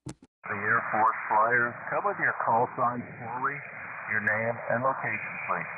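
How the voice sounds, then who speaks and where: Man running a net through heavy radio static. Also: mid-range voice. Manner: halting, deliberate, courteous. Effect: radio transmission with static. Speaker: ham radio net controller. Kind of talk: radio net roll call and check-ins. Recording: narrow, phone-like radio band, loud static.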